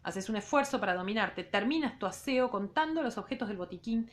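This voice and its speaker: A woman with an Argentine accent, a literature teacher, reading a novel aloud in class and pausing to comment on it casually. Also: on the high side, lively intonation. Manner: reads in second person, breaks off for casual remarks.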